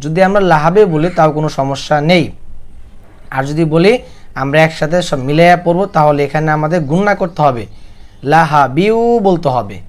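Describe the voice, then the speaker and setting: A man from Bangladesh with a Bangladeshi accent, teaching Quran recitation, who chants verses slowly and drawn out, then explains quickly. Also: on the high side. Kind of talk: recitation lesson.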